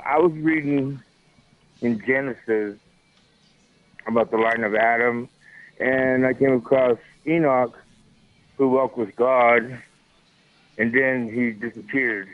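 A man's voice: medium pitch, steady tone, unhurried, pauses often, no echo. Friendly man on a radio call-in line. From Las Vegas, Nevada, USA. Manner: friendly, musing, unsure of his idea. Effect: phone-line call-in voice on a radio show. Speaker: radio show caller. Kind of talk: call-in question. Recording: tinny phone line.

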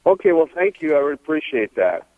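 A man's voice: on the high side, very animated, quick pace, no echo. A man calling in to a radio show over a phone line, chatting agreeably with the host. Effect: phone-line call into a radio show. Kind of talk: casual call-in chat.

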